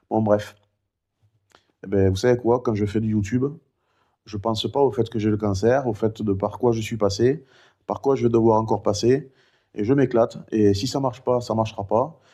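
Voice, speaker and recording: A talkative middle-aged man vlogging to camera, wandering from thought to thought with plenty of fillers. His voice sits a little low and sounds warm and mellow. A weakened vocal cord has taken away his high head voice. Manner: rambling and talkative, many fillers. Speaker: vlogger recounting his cancer. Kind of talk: casual chatty vlog.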